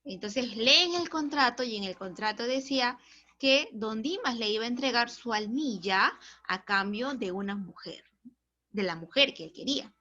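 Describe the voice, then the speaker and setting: Woman literature teacher, animated storyteller, bright tone, muffled lo-fi audio. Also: a little high, normal speed. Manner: animated, tags questions to students. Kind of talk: storytelling lesson. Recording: dull lo-fi recording.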